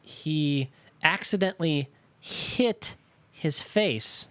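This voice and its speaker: A man's voice: extremely slow, smooth, no room sound. A young man co-hosting a podcast, telling stories in casual chat, swearing and jumping into put-on voices. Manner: animated storyteller, swears, jumps into high put-on voices. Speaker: podcast co-host.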